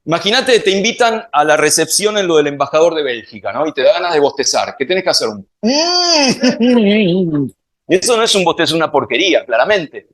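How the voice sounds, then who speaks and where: Argentine man, science speaker, fairly high voice that swings widely, playful live talk. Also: animated, fast talker, few pauses, fairly bright tone. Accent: Argentine Spanish. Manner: playful, quizzes the audience with questions. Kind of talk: public talk to a live audience.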